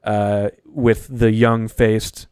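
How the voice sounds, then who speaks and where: A man chatting casually about a movie, turning loud and high-pitched when he gets worked up. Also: little pitch movement, drawn-out words, clear, resonant tone, no room sound, clean studio sound.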